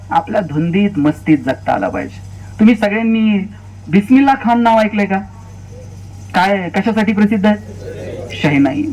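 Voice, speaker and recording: Man, high-pitched, motivational lecture, acts out dialogue, stage mic, faint hiss. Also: rough recording. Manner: storytelling, acts out quoted dialogue with shifting pitch. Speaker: public speaker. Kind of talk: motivational lecture with humorous stories. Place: stage at a lecture series before an audience.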